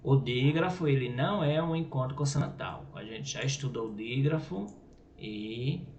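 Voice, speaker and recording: A man's voice: mid-range voice, normal speed, a little mellow, dull audio. Man teaching grammar in an echoey room. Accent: Brazilian Portuguese. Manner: explanatory, checks in with "certo?" and "ok?". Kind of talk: recorded grammar lesson. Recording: echoey room with faint noise.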